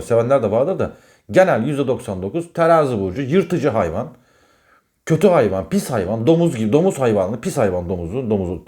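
An astrologer with a medium-pitched, mellow voice talks casually about zodiac signs. He is emphatic, repeats himself, and scolds the listener directly.

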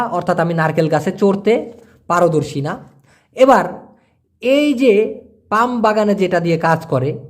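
A man giving a casual language lesson, explaining slowly and repeating words as he breaks them down. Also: high voice. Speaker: language teacher.

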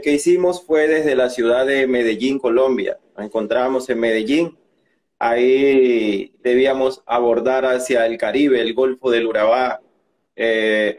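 A man's voice: medium pitch, a little mellow, poor audio. Young Venezuelan man, interview guest; hesitant, restarting speech. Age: young adult. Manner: halting, many restarts and fillers. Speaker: migrant content creator, guest. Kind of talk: interview testimony.

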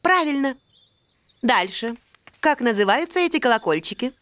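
A woman's voice: fairly high pitch, animated, moderate pace, a bit bright, no room sound. A woman voicing a prim, strict fairy nanny who teaches and corrects precisely in a children's cartoon.

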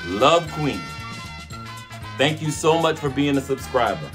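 A man's voice: mid-range voice, lively intonation, a little slow, a bit bright. A man hosting a cooking channel, casually calling out names in a playful, chatty vlog giveaway. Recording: music playing behind the voice.

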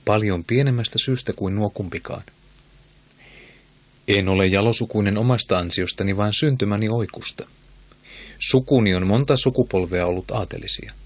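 A man voicing a calm, noble jungle-raised hero in an audiobook, speaking plainly. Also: on the low side, dry recording, natural voice.

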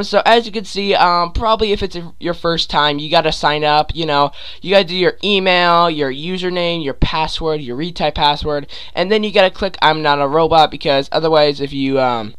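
Walking viewers through a screen-recorded game tutorial, a young man who makes gaming videos on YouTube meanders along with lots of fillers and false starts. He has a sore throat and a blocked nose. His voice is on the higher side, clean and fairly bright.

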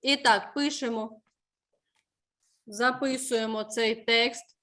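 A woman teaching a school lesson, giving brisk instructions and slowly spelling out words for the class. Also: fairly high pitch, fairly even intonation, bright, forceful tone.

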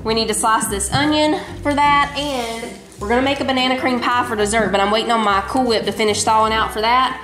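A woman in her thirties with a Southern US accent chats to viewers, calling them "y'all," while cooking in her home kitchen for a casual vlog. She's a mother and home cooking vlogger with a slightly high voice, fairly even intonation, and a brisk, nearly pause-free pace. Music plays in the background.

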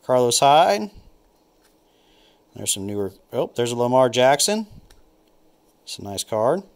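A very animated man with a medium-pitched voice takes his time opening packs of football trading cards. He thinks aloud and names each card as he flips through, in casual unboxing commentary.

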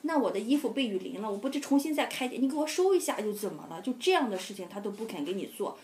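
A young adult woman vlogger telling a casual, animated and indignant story about a bad landlord. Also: on the high side, quick pace, a little hiss or hum.

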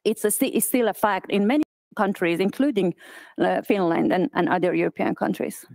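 A woman in her thirties, originally from Iran, giving a conference talk as an accessibility specialist, speaking in a halting way with many fillers and restarts. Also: medium pitch, vocal fry, darkish tone, no room sound. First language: Persian. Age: 30s. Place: office event space.

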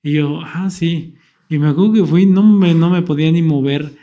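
A young man telling a personal story in a casual, animated way, acting out what he and others said. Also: fairly high pitch, normal speed. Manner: animated retelling, acts out his own past quotes. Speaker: vlogger.

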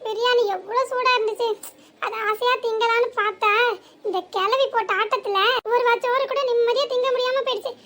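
Woman voicing a cartoon village wife, very high squeaky voice, rapid-fire, southern Tamil village accent, scolding. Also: fairly even intonation, fairly bright tone. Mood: grumbling. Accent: southern Tamil village dialect. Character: sharp-tongued young village wife, quarrelsome. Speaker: cartoon character. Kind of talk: comic cartoon voice acting.

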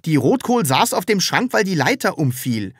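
A woman's voice: on the low side, very animated, moderate pace, husky, no echo, clean studio sound, voice pushed up. A woman voicing a timid, earnest grown man in an audiobook, talking in a way that is easily flustered. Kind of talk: audiobook character reading.

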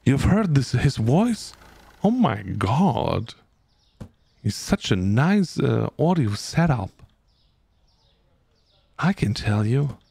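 A man's voice: medium pitch, gravelly, warm tone, slightly rough, no echo. A man streaming a game and chatting with his viewers, humming and scatting to himself as he plays, close to the mic. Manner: chatty, hums and scats to himself, reads chat aloud. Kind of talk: casual gameplay commentary to chat.

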